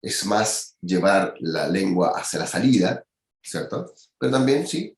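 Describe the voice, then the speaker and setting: Guy teaching anatomy, lowish voice, keeps asking the class if they follow, roomy echo. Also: very animated, unhurried, creaky. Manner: explanatory, peppers speech with "¿ya?" and "¿cierto?". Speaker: anatomy lecturer. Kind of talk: university lecture.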